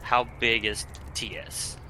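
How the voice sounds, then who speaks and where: Joking man with a bright, sharp voice. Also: medium pitch, level tone, slow pace, a little hiss or hum. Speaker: player. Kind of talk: casual tabletop play.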